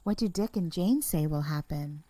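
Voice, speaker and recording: A woman reads a cautious, dreamy girl who talks softly and wistfully. Her tone is mellow and a bit low, with a dry, close recording. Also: moderate pace, no echo. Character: cautious, dreamy girl hiding under blankets.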